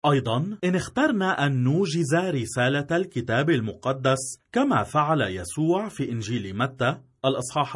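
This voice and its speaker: A man narrates a scripted theology lesson at a measured, formal pace. His voice is husky, and his pitch rises and falls with a lot of life. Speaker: lecturer narrating a theology course.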